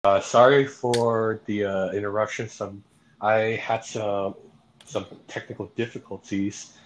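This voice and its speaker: A teenage boy joins a casual podcast chat from a remote call, his speech halting and full of fillers. His voice sits low, and noise is clearly heard behind it. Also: fairly even intonation. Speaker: student podcast co-host.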